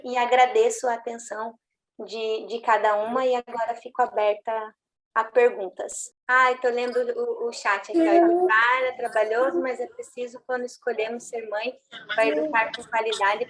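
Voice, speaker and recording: A woman speaking as a parenting mentor, chatting in a live online talk and answering questions from the chat, with frequent "né?" tags and restarts. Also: on the high side. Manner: conversational, frequent "né?", many restarts.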